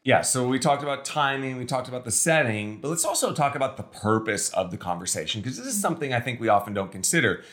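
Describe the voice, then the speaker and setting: A man with a lively, wide-ranging voice co-hosts a relaxed podcast conversation, telling stories with animated energy. His voice sits in a noticeably roomy echo. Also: mid-range voice, fast, hardly any pauses. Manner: animated storytelling, acting out voices in quotes. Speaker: podcast co-host.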